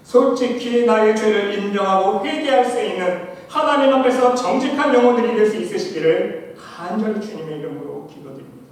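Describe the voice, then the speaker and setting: A man's voice: high voice, fairly quick, hardly any pauses. Male pastor preaching in an echoey church. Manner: emphatic preaching, swinging between loud exhortation and quiet asides; addresses the congregation often. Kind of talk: sermon. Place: church sanctuary. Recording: echoey church hall, preacher far from mic.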